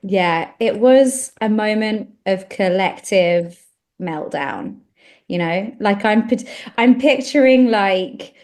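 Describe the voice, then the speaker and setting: A woman's voice: medium pitch, lively intonation, slow pace, darkish tone. A woman co-hosting a podcast, chatting casually and earnestly with frequent fillers and restarts. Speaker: podcast co-host. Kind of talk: casual chat.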